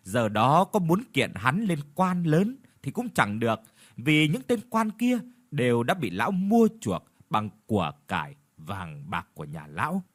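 A man's voice: mid-range voice, wildly swooping pitch, a little slow. A man narrating a horror story in a vivid, dramatic storytelling manner.

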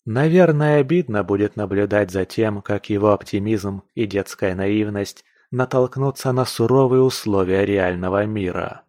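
A man narrating a fantasy audiobook in a steady, plain storytelling manner. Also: on the low side, moderate pace, hardly any pauses, no room sound, clean studio sound. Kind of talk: scripted fiction narration.

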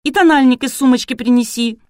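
A woman's voice: fairly quick, darkish tone, no room sound, clean studio sound, lightly acted. A woman voicing a hysterical, spoiled young bride who wails and whines. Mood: bossy. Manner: shrill, wailing, whiny.

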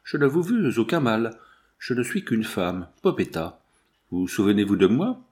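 A man voicing a hushed, anxious bandit's wife. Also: big pitch swings, normal speed. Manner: low hushed caressing voice. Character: anxious secretive woman, bandit chief's wife.

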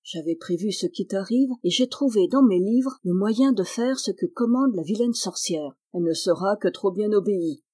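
A woman doing a gentle wise young sorceress. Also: medium pitch, normal speed, few pauses, breathy edge, dry recording. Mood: reassuring. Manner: calm, reassuring, gentle.

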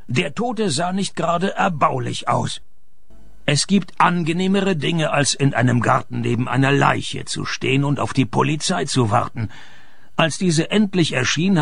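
An actor playing a wry, world-weary private detective in a radio crime comedy, with a dry noir delivery. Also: male voice, mid-range voice, vocal fry, fairly bright tone, breathy edge, dry recording, full character voice. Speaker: narrator and lead character.

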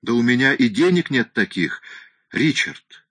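A man's voice: mid-range voice, big pitch swings, measured pace, a bit bright, slightly rough, dry recording, voice pushed up, exaggerated voice. A man voicing a gloomy, distressed male aristocrat pleading with his lawyer.

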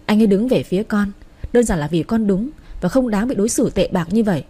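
A woman's voice: mid-range voice, lively intonation, fairly quick, warm tone, slightly rough. A woman voicing a hurt young city-born wife who pleads politely with her in-laws. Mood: hurt pleading.

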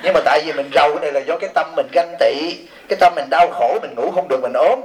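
A middle-aged male monk delivers a light-hearted dharma talk, reading out questions from followers. His voice sits a little higher than most men's. He jokes and teases, tossing rhetorical questions back to the audience. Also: fast talker, crowd noise, rough recording. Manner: joking, teasing, peppered with rhetorical questions to the audience. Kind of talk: humorous sermon answering written questions.

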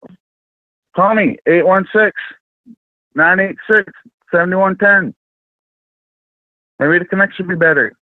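A man's voice: high-pitched, measured pace, long pauses, no echo. A man calling in on a phone chat line, his choppy connection breaking up while he keeps asking if he can be heard and repeats himself. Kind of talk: phone conversation. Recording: tinny dry phone line.

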